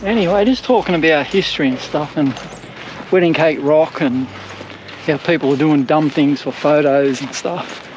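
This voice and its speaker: Older Aussie bloke, high-ish voice, rambling trail-walk chatter, handheld camera outdoors. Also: male voice, normal speed, darkish tone, highs cut off, slight background noise. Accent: Australian. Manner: chatty, rambling, self-mocking. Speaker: hiking vlogger. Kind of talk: casual walking commentary. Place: outdoors on coastal bush trail and beach. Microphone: action camera held at arm's length.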